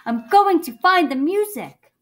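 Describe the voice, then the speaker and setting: A woman's voice: mid-range voice, slow pace, fairly bright tone. A woman reading aloud, voicing an eager, curious little girl in a storybook.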